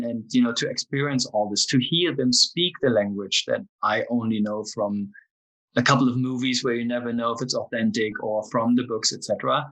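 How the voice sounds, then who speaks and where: A man in his forties from East Germany, speaking with a German accent, shares personal stories candidly and earnestly as a podcast guest. He works as a music industry executive, and his mid-range, slightly bright voice comes through a rough recording.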